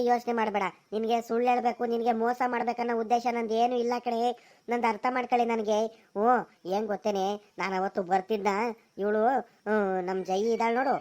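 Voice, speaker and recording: Woman doing a sly cartoon village guy, soothing and coaxing, a bit high. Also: darkish tone, close to an everyday voice. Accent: Karnataka rural Kannada. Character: young village man Rangu, sly and soothing. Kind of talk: cartoon voice acting.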